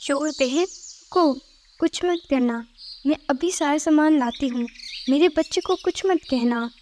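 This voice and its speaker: A woman's voice: sits high, measured pace, a little mellow, slight background noise. A woman voicing a frightened mother bird pleading in a cartoon. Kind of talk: cartoon character voice acting.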